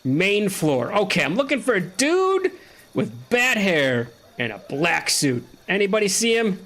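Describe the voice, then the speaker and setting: A man's voice: high-pitched, sing-song, measured pace, fairly bright tone. A man giving casual, joking let's-play commentary while chatting with a friend. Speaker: gaming streamer.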